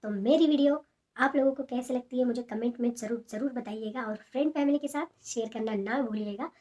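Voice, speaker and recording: A young woman talking softly and casually at home, showing sarees in a haul video with many fillers. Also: fairly high pitch, fairly quick, lo-fi sound. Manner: soft, hushed talk with many fillers. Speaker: fashion vlogger showing sarees. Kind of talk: casual product haul chat.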